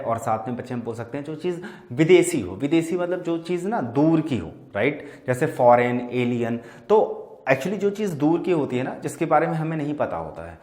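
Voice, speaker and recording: Male vocab teacher, exam-prep lesson, Hindi-English mix, talks to students as kids, average pitch, echoey room. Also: a little mellow. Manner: explains words in Hindi mixed with English, calls listeners "bachche"; keeps checking in with "theek hai?".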